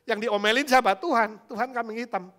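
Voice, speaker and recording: A male pastor preaching a sermon in a lively, colloquial way, addressing the congregation directly and punching key words. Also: very high-pitched, a little fast. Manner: animated, colloquial, emphatic, addresses listeners as "saudara". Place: church.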